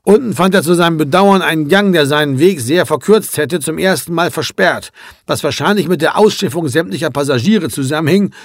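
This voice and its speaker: A man narrating a literary audiobook in a measured, even storytelling manner. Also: on the high side, no room sound, clean studio sound.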